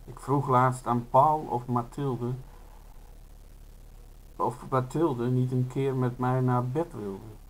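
Slow, measured male literary reader. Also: medium pitch, fairly even intonation, low-quality recording. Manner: slow, measured, unhurried delivery. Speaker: author reading his own prose. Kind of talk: first-person literary reading.

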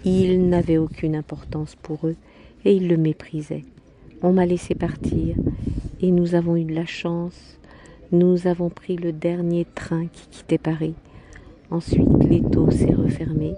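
A woman's voice: lowish voice, little pitch movement, unhurried, background noise. A woman voicing an elderly mother who speaks bluntly and without sentiment, in a storybook reading. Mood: bitter.

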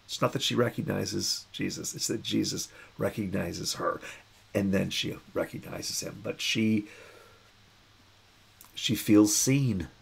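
Man, pastor, husky low voice, musing conversational Bible reflection. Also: slow.

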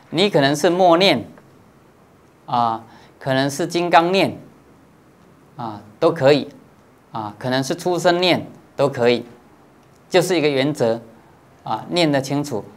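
A male Buddhist monastic teacher speaks at medium pitch and with expression during a dharma lecture. Patient and explanatory, he keeps pausing on drawn-out fillers and asks whether his listeners understand.

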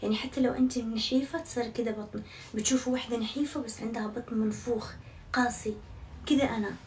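A woman's voice: fairly high pitch, fairly even intonation, fast talker, a little mellow. A young woman chatting casually to her viewers, self-mocking and swearing oaths often. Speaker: vlogger. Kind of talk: casual vlog chat to viewers. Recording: somewhat far from mic, faint background noise.

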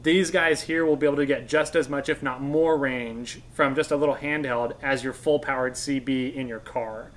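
Sitting on a couch in an indoor workshop room, a thirtysomething American radio expert and instructor explains things informally as a guest. He talks at a moderate pace with few pauses, his medium-pitched voice holding a steady tone.

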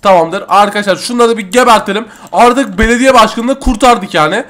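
A man hosting a game roleplay video, chatting excitably with slangy asides to viewers. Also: high voice, fairly quick. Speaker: gaming channel host. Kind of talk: Minecraft roleplay commentary.

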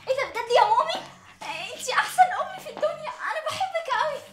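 An actress playing a naive, clingy young daughter in an Egyptian Arabic sitcom, with a whiny, pleading way of talking. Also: female voice, very high voice, animated, fast, fairly bright tone. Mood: suspicious. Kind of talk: sitcom acting. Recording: roomy set sound.

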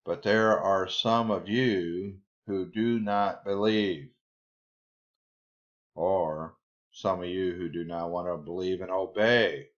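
A man giving a Bible study sermon, reading scripture aloud and then explaining it in a deliberate way. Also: sits low. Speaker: Bible teacher. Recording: slightly dull lo-fi recording.

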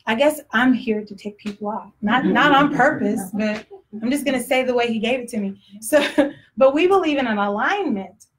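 A woman's voice: on the high side, animated, normal speed, slight background noise. A woman with a Texas accent preaching a sermon in a blunt, conversational way, often laughing. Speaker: pastor.

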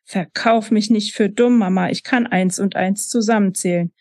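A woman's voice: mid-range voice, fairly even intonation, moderate pace, darkish tone, no echo, studio quality, close to an everyday voice. A woman voicing a hurt, bitter young daughter. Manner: bitter, accusing. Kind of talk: author reading her novel.

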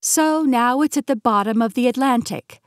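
A woman's voice: a little high, moderate pace, no echo, studio quality, voice pushed up, lightly acted. A woman voicing a blunt, wry immortal woman keeper with an offhand way of speaking, in an audiobook. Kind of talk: audiobook character reading.

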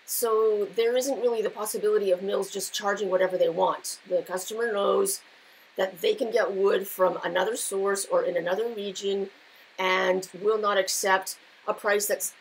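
A middle-aged woman with a growly, gravelly voice, giving unscripted market commentary in an explanatory, halting way with pauses. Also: mid-range voice, fairly even intonation, a little hiss or hum, rough recording. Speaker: market analyst and host. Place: indoors, seated before a patterned backdrop.

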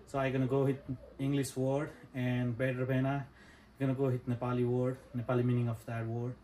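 A man's voice: mid-range voice, a little mellow, rough recording. A man hosting a casual challenge video, calling out prompts one by one, recorded a few feet from the mic at home. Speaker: vlog host reading out prompts. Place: small wood-panelled living room. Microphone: camera or phone a few feet away.

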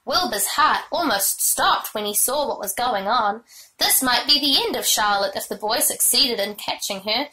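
A woman reading a children's book aloud with expressive storytelling. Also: a little high, normal speed, low-quality recording. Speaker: reader.

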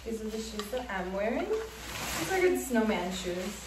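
A woman's voice: medium pitch, sing-song, measured pace. A young woman co-hosting a vlog in casual chat, recorded in an echoey, nearly empty room. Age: young adult. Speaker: vlog co-host. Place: nearly empty bedroom indoors. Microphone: camera across the room. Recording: echoey room, distant mic, noisy.

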